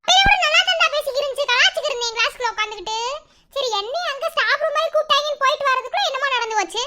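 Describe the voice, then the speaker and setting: A woman voicing a bossy, teasing young college woman in a cartoon, loud and scolding. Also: lively intonation, racing, heavy background noise. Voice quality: very high, bright voice. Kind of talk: animated cartoon voice acting.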